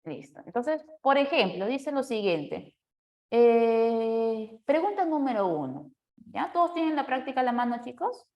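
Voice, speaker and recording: A woman teacher with a fairly high voice guides a class through exercises. She explains step by step and often stops to check that the students follow. Her manner is lively and full of questions. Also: unhurried, dull audio. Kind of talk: classroom lecture.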